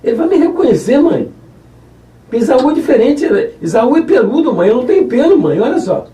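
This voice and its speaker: A man's voice: very high voice, sing-song, fairly quick, warm tone, echoey room, a little hiss or hum, pitched above the performer's own voice. A man voicing an anxious young son who pleads with his mother, with a Brazilian Portuguese accent, recorded from a distant mic. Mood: pleading. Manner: pleading, insistent.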